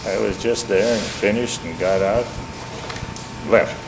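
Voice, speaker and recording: An unhurried older man with a fairly low voice recounts family memories informally. He's a Minneapolis elder in his seventies with an Upper Midwestern accent, and his reminiscing is folksy, wry, and self-deprecating, captured on a humming, echoey, noisy home tape.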